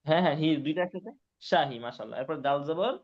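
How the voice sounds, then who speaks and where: A male Quran reading teacher leads an online class, his voice slightly high for a man. He spells out each syllable patiently and repeats words again and again for his students. The call audio is dull and lo-fi. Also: lively intonation, fast talker. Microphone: online class call mic.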